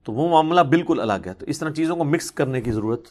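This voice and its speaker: Lively, high-voiced Pakistani man lecturing. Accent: Pakistani Urdu. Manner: explanatory, animated emphasis, rhetorical asides. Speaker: religious scholar answering questions. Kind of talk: lecture answering audience questions.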